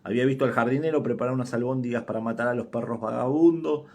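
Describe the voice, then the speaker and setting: A man's voice: medium pitch, fast talker, lightly acted. A man with an Argentine accent voicing a dying woman who confesses to her sister in a faltering, urgent voice. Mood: hushed confession. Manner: faltering, hushed, urgent pleading.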